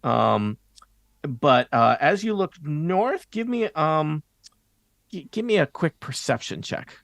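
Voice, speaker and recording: A man running a tabletop game as game master, narrating scenes to players in halting, hesitant phrases with a creaky voice. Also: fairly high pitch, expressive, fairly bright tone, no echo.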